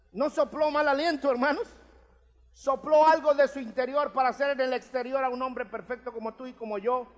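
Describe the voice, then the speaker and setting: High-voiced pastor in reverberant hall. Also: male voice. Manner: conversational preaching, checks in with listeners. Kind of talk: sermon.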